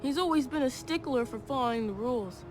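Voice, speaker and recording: A woman's voice: sits high, expressive, fairly quick, music in the background. A woman voicing a defiant teenage boy in a video game, talking in a sulky, stubborn way. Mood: sullen.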